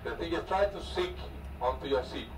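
A man's voice: fairly high pitch, animated, a little fast. A man with a Malaysian accent coaching as a centrifuge training instructor, giving clipped commands in a reassuring way. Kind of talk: coaching over an intercom during training. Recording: noisy, echoey intercom, distant from mic.

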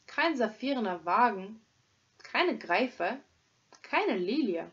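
A woman teacher reading a story aloud in a clear, deliberate way, in a dull lo-fi recording. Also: fairly high pitch, very animated, a bit bright.

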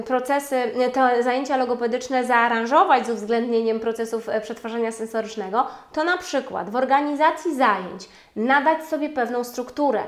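A woman giving a webinar lecture on speech therapy, formal and measured, with frequent hesitation sounds. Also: high-pitched. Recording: roomy echo.

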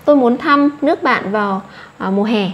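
This woman, who has a Vietnamese accent, pronounces English words slowly for children before explaining what each one means. Her pitch is fairly high, and the audio is lo-fi.

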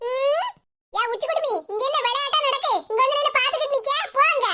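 A woman with a Tirunelveli Tamil accent voicing a quarrelsome middle-aged mother in a cartoon, who scolds loudly. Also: extremely high pitch, a little fast. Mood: shouting. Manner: loud, scolding.

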